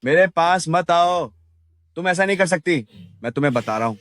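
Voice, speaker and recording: A man's voice: fairly high pitch, animated, moderate pace, fairly bright tone. An actor dubbing a sleazy male thug who leers and then begs in panic. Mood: panicked. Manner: leering, then pleading in panic. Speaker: hired thug. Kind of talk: Hindi dub of a drama.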